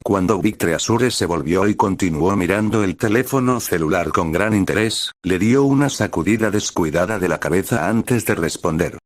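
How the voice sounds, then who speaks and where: A man narrating a serialized novel as an audiobook, reading in a steady, even way. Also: deep voice, normal speed, hardly any pauses, dry recording, studio quality.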